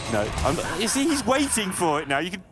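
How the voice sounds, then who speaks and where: A man co-casting a live card game tournament with wry, self-deprecating jokes. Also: high-pitched. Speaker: esports caster.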